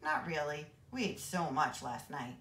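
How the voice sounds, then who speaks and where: A casual, offhand schoolgirl chatting with her friend, as a woman reader puts her on. The voice is low and lively, with an echoing room around it. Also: unhurried. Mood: chatty. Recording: roomy echo.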